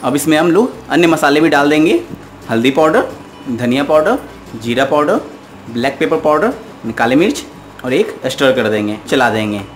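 A man's voice: a little high, big pitch swings, moderate pace, slight background noise. A man hosting a cooking show, patiently talking viewers through a recipe step by step as he cooks at home. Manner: patient, instructive, addresses viewers directly. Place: home kitchen at the stove.

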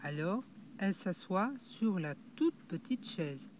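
A woman narrating a children's audiobook in a slow, clear and expressive way. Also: lowish voice, slight background noise. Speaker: storyteller.

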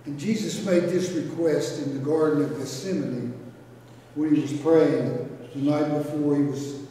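Slow, muffled pastor, distant and echoing. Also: male voice, on the high side, steady tone, mellow. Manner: folksy, plain-spoken, unhurried with long pauses. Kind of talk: graveside funeral eulogy and sermon. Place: outdoor graveside service, recorded from a distance. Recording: echoey, noisy, captured from far off.

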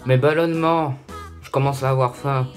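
Young man, YouTuber playing himself in a comic sketch, mid-pitched, music in the mix. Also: fairly even intonation, moderate pace, reverberant. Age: young adult. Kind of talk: acted comic vlog sketch. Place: small student bedroom.

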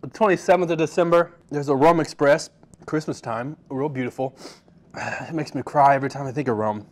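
A man's voice: fairly high pitch, a little fast. Young man struggling through a burning, spicy mouth. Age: 20s. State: teary, in pain from spicy food, coughing. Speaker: food challenge host. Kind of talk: casual on-camera challenge talk. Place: small indoor office meeting room.

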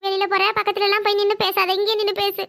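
A woman voicing a fussing, caring older village mother-in-law in a cartoon, speaking with a southern Tamil Nadu accent and giving orders fast. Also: extremely high pitch, completely flat delivery, a bit bright. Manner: bossy, fast, scolding yet tender. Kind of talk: cartoon voice acting.

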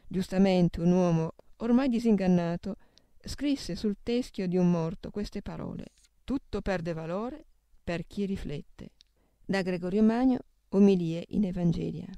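Woman reading prayers and meditations, solemn and steady, dark mellow voice w some fry. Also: lowish voice, no room sound. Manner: solemn, steady, cites scripture references aloud. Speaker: reader of devotional texts. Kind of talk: measured devotional reading.

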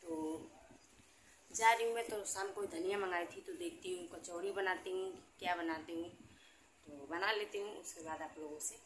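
A woman's voice: lowish voice, normal speed. A young woman talking casually to her viewers in a daily home vlog, showing her rooms on a phone camera. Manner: chatty, talks straight to viewers while showing her home. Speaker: vlogger. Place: emptied rented room at home, echoing. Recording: echoey empty room, noisy phone audio.

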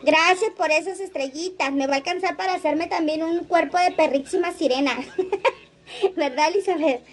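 Livestream host, woman, high voice, gossipy and playful. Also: moderate pace. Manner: chatty, laughs often, reads comments aloud. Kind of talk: casual livestream chat reading comments.

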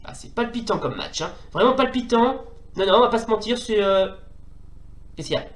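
Man, high voice, lively pitch, mock sports commentary, casual swearing, echoey room. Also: a little fast. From France. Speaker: retro gaming YouTuber.

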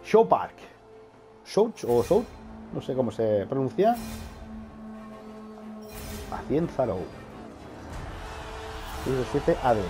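A man chats through a game, excitable and quick to laugh. His pitch swoops up and down as he reacts, with light swearing and game music faint underneath. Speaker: gaming youtuber. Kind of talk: casual gameplay commentary.

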